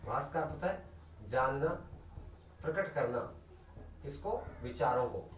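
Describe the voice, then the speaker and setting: In a mid-range, animated voice, an Indian teacher leads a Hindi class online, quizzing students, supplying the answers himself and repeating the main terms. He drops his pace right down to stress definitions, and the echoey room is captured from afar.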